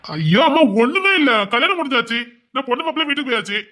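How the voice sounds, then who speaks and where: A dismissive, reassuring son. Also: male voice, extremely high pitch, very animated, rapid-fire, bright, forceful tone, exaggerated voice. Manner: reassuring, brushing off worries. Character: grown son calming his mother, dismissive.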